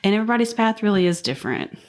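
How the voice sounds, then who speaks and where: A woman's voice: medium pitch, expressive, racing. Empathetic woman in her thirties hosting a podcast. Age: 30s. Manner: empathetic, agreeing, laughs often. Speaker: podcast host. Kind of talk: conversational interview.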